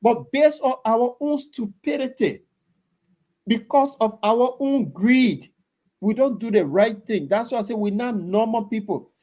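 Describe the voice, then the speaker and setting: A man's voice: very high voice, measured pace, a little mellow. A middle-aged Liberian man hosting a casual discussion, telling blunt anecdotes in a Liberian English accent.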